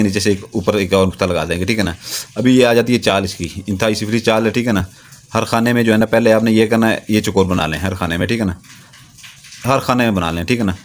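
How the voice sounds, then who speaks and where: A man teaching a ritual step by step in a steady, repetitive way, often checking that the listener is following. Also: lowish voice. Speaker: spiritual practitioner teaching a ritual. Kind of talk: step-by-step instruction.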